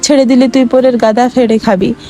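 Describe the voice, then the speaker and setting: A woman voicing a poor, gentle farmer who pleads and speaks tenderly to his ox. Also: on the high side, fairly even intonation, fairly quick, faint music behind, lightly acted. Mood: tender sorrowful. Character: poor, gentle, sorrowful farmer man, middle-aged.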